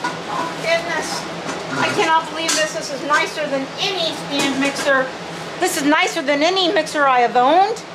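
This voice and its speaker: A woman's voice: high voice, normal speed, over a noisy crowd, poor audio. A woman unboxing an item in her home kitchen, chatting to viewers in a gushing, talkative way. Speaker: unboxing vlogger. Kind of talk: casual unboxing chat to viewers.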